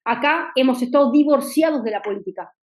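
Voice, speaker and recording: A woman's voice: sits high, lively intonation, fairly quick. A woman hosting a political interview, speaking emphatically with rhetorical tag questions. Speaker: interview host.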